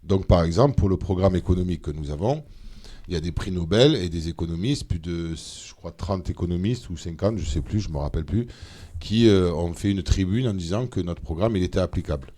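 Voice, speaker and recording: A man, a member of parliament, talking as a guest in a casual interview, animated and full of hesitations. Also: low voice, brisk. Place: studio of a streamed show.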